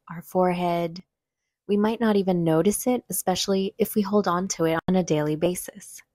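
Speaking in a lowish voice, a woman talks listeners through a guided meditation. Her instructions are gentle and unhurried, separated by long pauses. The audio is studio quality with no room sound.

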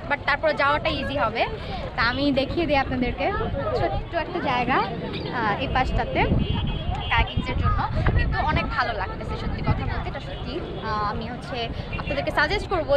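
A young woman with a very high voice, chatting cheerfully to her viewers about a kayaking spot. She is recorded outdoors at arm's length on a lake. Loud crowds and wind bustle behind her. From Bangladesh. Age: young adult. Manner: chatty, upbeat, addressing viewers directly. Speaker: travel vlogger. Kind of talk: casual travel vlog to camera. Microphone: camera held at arm's length.

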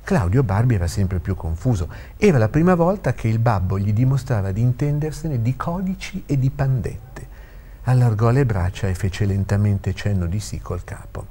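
A man hosting and reading his own story aloud with expressive, varied intonation. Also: lowish voice, moderate pace, slightly rough. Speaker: host and storyteller.

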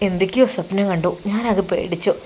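A woman voicing a heartbroken young male religious teacher who speaks softly in a subdued, sorrowful way. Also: mid-range voice, quick pace, lightly acted.

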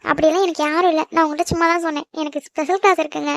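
A woman voicing a feisty, quick-tongued schoolgirl in a cartoon who protests and talks back. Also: sits high, steady tone, creaky, fairly bright tone, no room sound, clean studio sound. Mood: protesting. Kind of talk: cartoon voice acting.

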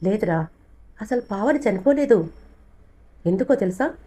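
A woman's voice: medium pitch, expressive, measured pace, dark tone, breathy edge, voice pushed up. A woman voicing a frightened young man.

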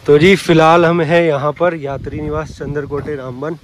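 This road-trip vlogger has a fairly high, level voice and a moderate pace, with slight background noise behind him. Filming handheld outdoors and around a rest house, he talks casually to his audience, repeatedly using "so ji" and "dekh sakte ho."

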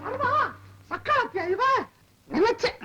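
An actress playing a jealous, sharp-tongued young wife in an old film, scolding and taunting. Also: female voice, very high-pitched, lively intonation, a little slow, dull audio, faint music behind, exaggerated voice. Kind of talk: 1970s Tamil film acting.

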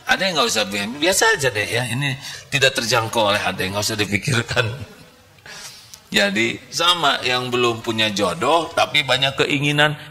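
A man's voice: mid-range voice, vocal fry. A man, preaching a folksy, humorous sermon into a handheld microphone. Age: 60s. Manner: folksy, humorous, moving between soft pleading and animated emphasis. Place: stage before a large indoor congregation.

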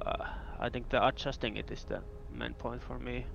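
A man's voice: mid-range voice, flat delivery, normal speed, creaky, fairly bright tone. A man with a Finnish accent and native Finnish, chatting casually and a little hesitantly as a student on a voice call. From Finland. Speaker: student in a coaching session. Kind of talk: casual chat. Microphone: remote voice call. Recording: muffled voice call with background noise.

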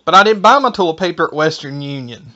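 A man with a high, forceful, bright voice talks on the telephone. He is folksy and deadpan, playing slow-witted and naive. The line sounds somewhat dull and muffled. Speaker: prank call recipient. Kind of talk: deadpan phone prank. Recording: muffled telephone call audio.

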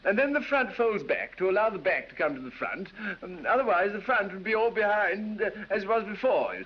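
A dull 1930s film soundtrack with faint hiss captures a man's high, expressive, fairly quick voice with a breathy edge. He plays a silly, drawling, affected English aristocrat with an English accent, trading foppish banter and laughing at his own jokes.

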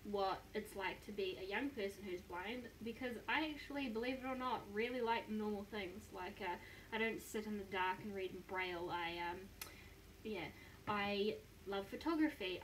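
Holding her phone camera close to her face in a small bedroom, a twenty-something vlogger with a New Zealand accent chats in a casual, upbeat, self-mocking way. Her voice is medium-pitched, and the low-quality recording has a little hiss or hum.

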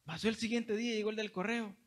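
Speaking fast in a high-pitched voice, a young Salvadoran preacher from El Salvador relates a testimony during a sermon. His storytelling is animated, his accent Salvadoran Spanish, and he often addresses listeners as brother.

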